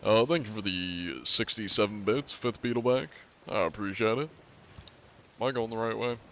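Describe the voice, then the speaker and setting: A man with a fairly low pitch and fairly bright tone speaks at normal speed, with a little hiss or hum on the audio. Streaming a game, this northern US man in his twenties reads chat aloud and chats in a rambling, filler-heavy way.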